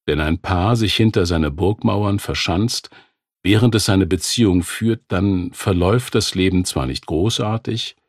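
Man, low gravelly voice, slightly husky, dry close sound, calm audiobook reading. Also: dry recording. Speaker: audiobook narrator. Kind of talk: scripted narration.

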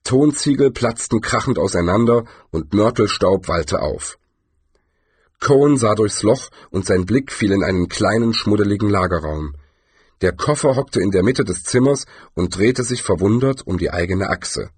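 Husky, expressive male storyteller. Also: lowish voice, normal speed, no echo. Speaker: audiobook narrator. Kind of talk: scripted narration.

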